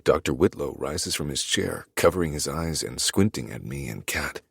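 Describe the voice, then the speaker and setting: Very deep, gravelly male narrator. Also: lively intonation, normal speed, fairly bright tone, dry recording, clean studio sound. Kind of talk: first-person audiobook narration.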